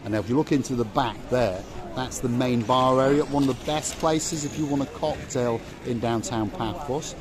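A man's voice: medium pitch, normal speed, hardly any pauses. A middle-aged man co-hosting a vlog, giving jokey, showman-like walking-tour commentary on an outdoor harbour promenade at night, recorded on a phone held at arm's length. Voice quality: chatty, teasing, showman-like. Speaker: vlog co-host and tour guide. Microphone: phone camera at arm's length. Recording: busy crowd chatter around.

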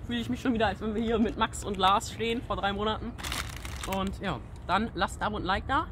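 A teenage host with a high, steady, fairly quick voice reviews snacks in a casual taste-test vlog, chatting hesitantly toward a camera a few steps away. He is outdoors by a brick wall, and the outdoor camera audio carries clear background noise.

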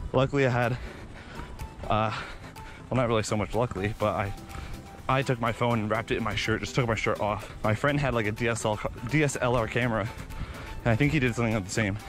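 On a beach, a young man with a fairly low voice vlogs while jogging, a little out of breath, telling excitable stories full of sound effects. His casual, animated storytelling is captured by an action camera mounted on his body.

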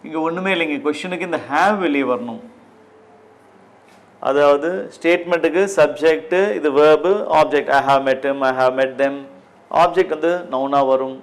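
A man with a Tamil accent teaching an English grammar lesson, drilling phrases one by one in a deliberate way. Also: on the high side, fairly even intonation. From Tamil Nadu, India.

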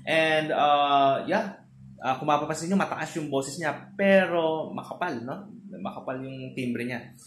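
A man's voice: on the high side, measured pace, a bit bright. A man from the Philippines giving a casual online choir lesson. He explains patiently and keeps checking in with his listeners through short tag questions. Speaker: choral music teacher. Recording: roomy echo with faint noise.

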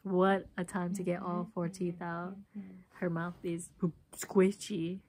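A woman's voice: fairly low pitch, flat delivery, slow, a little mellow. A woman in her twenties chatting casually and playfully to a phone held at arm's length. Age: 20s. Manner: playful, joking. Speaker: vlogger and caregiver friend. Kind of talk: casual vlog chat. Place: car and small home rooms.

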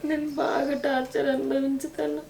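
A sorrowful, hurt pregnant young wife, played by a woman with a Telangana Telugu accent, her voice high and held to a flat, narrow tune. She pours out her troubles in a plaintive, tearful way, as in a village short film. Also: moderate pace, vocal fry, reverberant, a little hiss or hum. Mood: sad, plaintive. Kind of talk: village drama acting.

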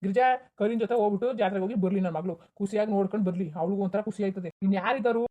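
A woman's voice: medium pitch, steady tone, rapid-fire, dark tone, natural voice. A woman voicing an indulgent village father in a cartoon who soothes his wife and dotes on his daughter. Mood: soothing. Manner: soothing, brushing off complaints. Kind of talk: cartoon voice acting.

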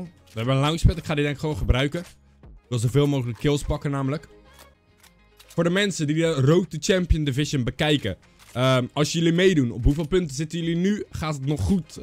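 A young adult man streams from an indoor setup, giving casual gaming commentary into a close boom mic. His voice sits at medium pitch and is a little mellow, though a cold has left his nose stuffy, and he mixes English slang into his talk.

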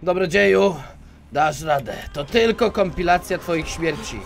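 A man giving let's play commentary, talking to himself and switching between low mutters and sudden yelps. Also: a little slow, vocal fry. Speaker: gaming YouTuber.

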